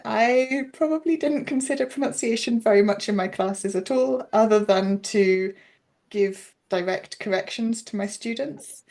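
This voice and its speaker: A woman's voice: fairly low pitch, a little mellow. A woman, a guest in a casual interview, explaining her teaching at length in a thoughtful way. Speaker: interview guest, pronunciation coach.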